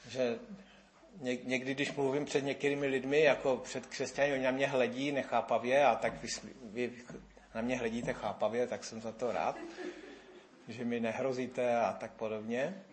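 Fifty-something preacher. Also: male voice, medium pitch. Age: 50s. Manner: animated, rises and falls in loudness, acts out quoted voices. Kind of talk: sermon.

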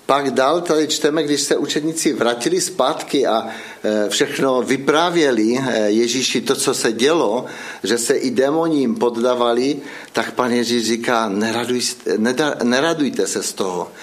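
Czech-speaking man preaching a heartfelt sermon. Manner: addresses listeners as brothers and sisters, rising to emotional high points; hesitant with fillers and restarts.

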